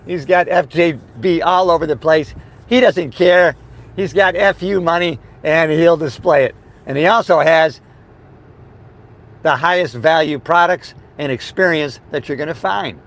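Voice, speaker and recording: A man's voice: on the high side, unhurried. A man giving an upbeat, emphatic motivational chat to his audience while driving. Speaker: motivational vlogger. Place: inside a moving car. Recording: steady car and road noise. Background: car and road noise.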